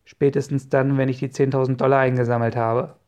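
A man's voice: medium pitch, level tone, brisk, darkish tone, clean tone, natural voice. A man voicing a mocking, taunting teenage bully boy in a children's audio story.

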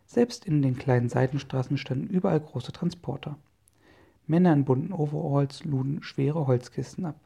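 Man, children's story narrator, gravelly, dark, steady storytelling. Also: a little high, moderate pace. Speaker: audiobook narrator.

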